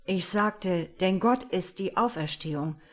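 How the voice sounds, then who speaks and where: A lean blond male replicant offers condolences with calm, formal, precisely calculated courtesy, voiced by a woman. The delivery is even and composed, set somewhat low for a woman. It is an audiobook character voice, and the android never sounds rushed. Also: close to an everyday voice.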